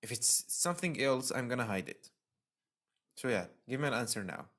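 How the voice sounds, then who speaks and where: A man's voice: mid-range voice, big pitch swings, normal speed, fairly bright tone. A man reads a horror visual novel aloud on his stream, lingering over the narration. He breaks into emotional outbursts between passages, in an ordinary mid-range voice. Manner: dramatic reading mixed with emotional outbursts. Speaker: game streamer.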